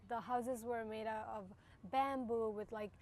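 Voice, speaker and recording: A woman's voice: fairly high pitch, steady tone, measured pace, darkish tone, a little hiss or hum. A woman from Nepal describing her home hesitantly, with fillers, in a documentary interview.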